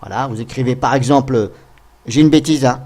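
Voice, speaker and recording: In a relaxed software tutorial, the host thinks aloud to his audience, frequently pausing on hesitant fillers. He's a man with a mid-range voice who talks fairly quickly.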